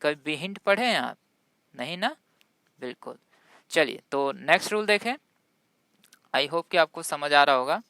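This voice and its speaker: A woman's voice: low voice, animated, a little slow, long pauses, a bit bright, dry recording. A woman with Hindi as her first language teaching English pronunciation, spelling words out letter by letter and quizzing her viewers as she goes. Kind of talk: classroom-style spoken lesson.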